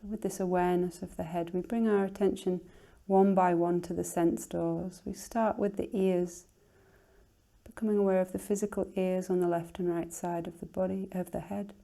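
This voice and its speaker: Gentle instruction comes from a woman teacher running a guided relaxation, her soft, slow speech becoming breathy where phrases end. Pitch is fairly low and barely moves.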